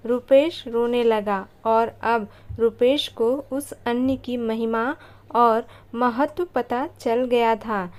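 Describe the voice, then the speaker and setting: A woman narrating a scripted emotional story in a slow storytelling manner. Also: fairly high pitch, steady tone, darkish tone.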